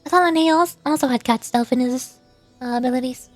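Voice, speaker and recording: A woman whose voice sits high talks fairly quickly while streaming a game, mixing casual chat, read-aloud game dialogue, and frequent questions to herself. The recording is dry, with faint music behind.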